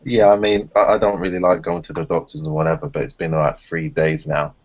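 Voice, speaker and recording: A man talks in a deep, husky voice, telling animated, blunt stories. The sound is a lo-fi video call recording with dull audio. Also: brisk. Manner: animated storytelling, blunt and profane. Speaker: round table regular. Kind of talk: casual group chat on a video call.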